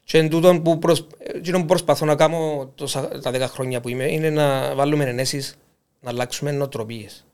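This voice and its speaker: Cypriot Greek man, talkative and halting. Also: on the high side, steady tone, darkish tone, clear, resonant tone. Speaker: interview guest, musician. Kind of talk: casual conversation.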